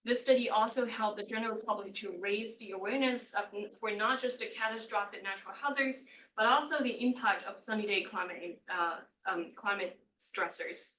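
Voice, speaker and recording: A young adult woman speaks as a doctoral candidate at her thesis defense. Her voice is bright and clear-edged, with a hesitant, hedging delivery that trips on words. She sounds away from the microphone in an echoey room. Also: medium pitch, fairly quick, hardly any pauses. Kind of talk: academic presentation. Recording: echoey room, far from the mic.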